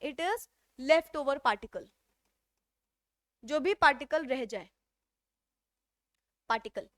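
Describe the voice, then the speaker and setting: High-voiced woman teaching chemistry. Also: a bit bright, no room sound, clean studio sound. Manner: explains step by step, keeps asking the class questions and answering them; reads English textbook lines slowly. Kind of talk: classroom lecture mixing Hindi and English.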